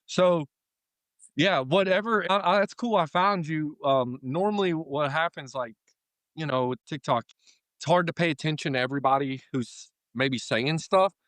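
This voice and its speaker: A union carpenter in his thirties from Florida, with an American accent, rambles casually as an interview guest. His voice runs a little high with a fairly bright tone, and he talks at a moderate pace. There's no echo on the recording.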